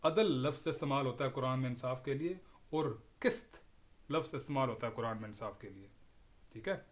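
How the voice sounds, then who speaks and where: A man explaining scripture verses in an online class. He often checks in with "okay?", repeats phrases and mixes in English words. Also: medium pitch. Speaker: Quran teacher.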